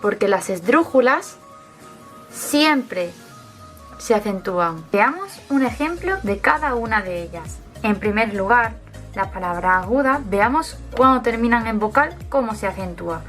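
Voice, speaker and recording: A woman teaching a grammar lesson in a scripted narration, explaining clearly and step by step. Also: mid-range voice, animated, a little slow, fairly bright tone, soft background music.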